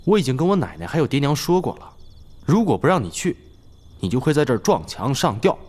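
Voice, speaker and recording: A man playing a young husband who gently coaxes his hot-tempered wife. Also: medium pitch, very animated, quick pace. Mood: coaxing. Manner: gently coaxing. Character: young husband, soothing and indulgent.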